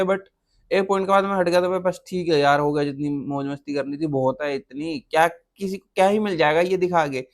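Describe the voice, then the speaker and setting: A young man hosting a reaction video, chatting casually with viewers, calling them "bhai" and restarting his sentences as he goes. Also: fairly high pitch.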